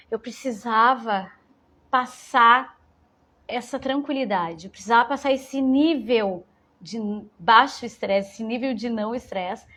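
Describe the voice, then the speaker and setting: A woman, giving an informal parenting talk to mothers and often rephrasing as she goes. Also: fairly high pitch. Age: 40s. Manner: warm, conversational, repeats and rephrases phrases. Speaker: educator speaking to mothers.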